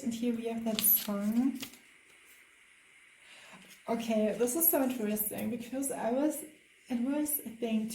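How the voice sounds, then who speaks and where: A woman's voice: a little high, reverberant, slight background noise, rough recording. A woman with a German accent doing a spiritual tarot reading, hesitant and full of fillers. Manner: hesitant, many fillers, soft laughs. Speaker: tarot card reader.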